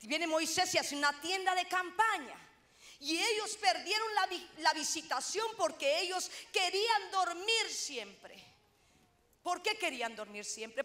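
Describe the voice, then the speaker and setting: A middle-aged woman pastor from Honduras, preaching a sermon in a loud, animated way with self-mocking humor. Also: extremely high pitch.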